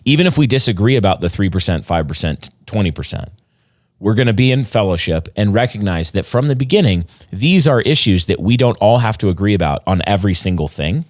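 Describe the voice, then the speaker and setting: A man with a fairly low voice talks as a pastor in a casual podcast conversation. He explains earnestly and at length, restarting sentences as he goes. The sound is dry and close, with no room around it. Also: lively intonation, fairly quick, no room sound.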